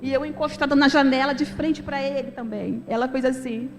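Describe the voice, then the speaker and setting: A woman's voice: high voice, fairly even intonation, brisk, big-room sound, faint music behind. A middle-aged woman giving an emotional, conversational church testimony to the congregation. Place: church sanctuary.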